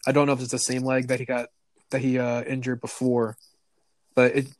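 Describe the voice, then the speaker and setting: A man's voice: mid-range voice, completely flat delivery, brisk, no room sound. A man talking as a guest on a casual sports podcast, rambling and often restarting his sentences. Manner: rambling, hesitant, repeats words.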